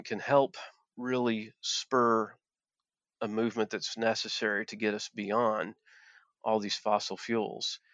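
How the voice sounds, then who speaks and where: This interview guest is a former coal miner from the Appalachian region of southwest Virginia, with a lowish, fairly bright voice. He talks earnestly, restarting often and doubling back on words, captured in a dull, dry, lo-fi recording with no room sound.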